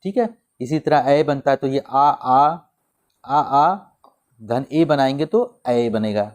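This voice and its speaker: Man, hindi accent, teacher, exam-prep grammar lesson, medium pitch, repeats and drills sounds, asks questions then answers them. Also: lively intonation, slow.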